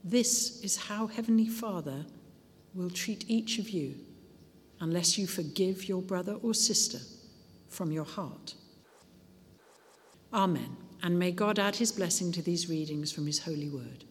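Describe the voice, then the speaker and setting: Woman reading scripture in a reverberant church. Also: on the low side. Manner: measured, expressive reading. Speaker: scripture reader at a church service. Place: church during a service.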